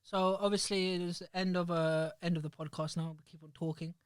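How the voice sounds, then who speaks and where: Into a studio microphone in a small studio, a man hosts a casual chat podcast, talking rapidly and rambling with many restarts. His voice is a little high, steady, clear and resonant, with no room sound.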